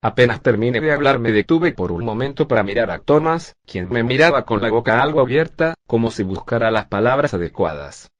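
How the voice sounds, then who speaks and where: A male text-to-speech voice narrating a first-person zombie story in a steady, even reading. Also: mid-range voice, fairly quick, hardly any pauses, no room sound, lo-fi sound.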